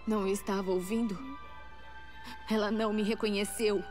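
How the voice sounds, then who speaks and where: A woman's voice: medium pitch, flat delivery, moderate pace, lightly acted. A woman playing a young outcast huntress in a dubbed video game, earnest and questioning, with a Brazilian accent. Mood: determined. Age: young adult. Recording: loud game music behind.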